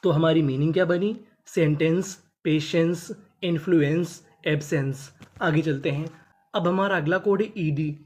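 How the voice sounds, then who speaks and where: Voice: a little slow, darkish tone, slightly rough. A teacher spelling out English words letter by letter, sounding them out and then giving each word's meaning. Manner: drops pitch on the last word of each list. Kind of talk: spelling and phonics lesson.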